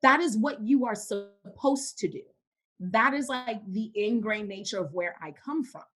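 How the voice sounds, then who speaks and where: A woman's voice: fairly high pitch, unhurried, fairly bright tone, slightly rough. A young woman from Cameroon, a podcast guest in casual faith-based conversation, who speaks emphatically and repeats words for stress.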